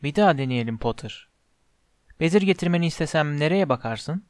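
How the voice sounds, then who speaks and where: A man's voice: on the high side, lively intonation, brisk, no echo, studio quality, lightly acted. A man reading as Snape, a cold sneering potions master. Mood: mocking. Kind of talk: audiobook character reading.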